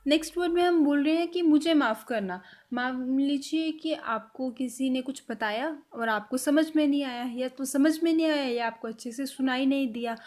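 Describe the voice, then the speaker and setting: A woman teaching a spoken language lesson, repeating example phrases slowly and clearly. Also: a little high, a little mellow.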